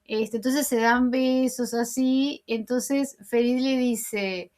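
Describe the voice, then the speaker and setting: A woman with a fairly high-pitched voice recaps TV scenes in a relaxed, chatty way. She often stops on small filler words while she gathers her thoughts. She sounds like a channel host talking straight to her viewers. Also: takes it slowly. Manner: chatty, retelling scenes with many "este" fillers. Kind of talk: casual spoken recap of TV scenes.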